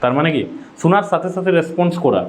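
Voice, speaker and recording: A man's voice: fairly high pitch, animated, quick pace, slight background noise. A man with a Bengali accent giving an exam-prep lecture, asking questions and answering them himself, correcting his own slips aloud. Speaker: teacher.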